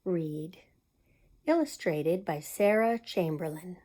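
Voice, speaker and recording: Her voice is lowish and dark, and she takes her time. She's a storytime reader at a community library, performing a children's picture book expressively and pausing for small asides to her young audience.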